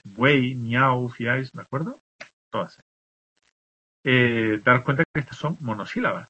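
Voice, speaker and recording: A male teacher gives a spelling lesson on accent marks, saying example words slowly and patiently checking in with the class through constant "¿de acuerdo?". His mid-range voice is bright, forceful, and slightly rough, on a dull lo-fi recording.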